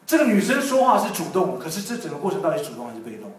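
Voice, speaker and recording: A man preaching a sermon and sharing a personal testimony, animated, swinging between loud emphasis and soft, intimate prayer. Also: a little high, rapid-fire. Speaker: pastor. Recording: echoey room from some distance.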